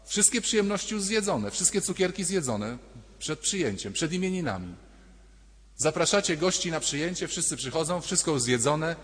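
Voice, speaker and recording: A man preaching a sermon at mass as a priest, talking directly to the congregation with anecdotes and questions. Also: medium pitch. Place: church. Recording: church with long reverb.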